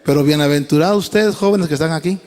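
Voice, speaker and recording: A man preaching a sermon as pastor, animated, rising to high emphatic calls and repeated refrains. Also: quick pace. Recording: reverberant church hall.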